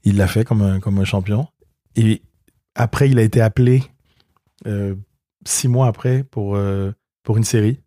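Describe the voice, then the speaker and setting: A middle-aged man with a Québécois accent chats casually as an interview guest, spinning anecdotes and slipping into the voices of the people he quotes. His voice sits on the low side and he often restarts and repeats words mid-sentence. The recording is close and dry. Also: fairly even intonation, moderate pace, pauses often, mellow, no room sound. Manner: storytelling, acts out quoted dialogue. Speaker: guest, comedian.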